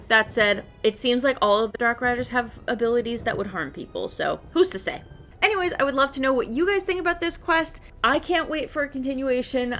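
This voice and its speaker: A woman video creator gives casual, rambling game commentary, thinking aloud and second-guessing herself. Her voice is on the high side with a fairly bright tone, and music plays in the background.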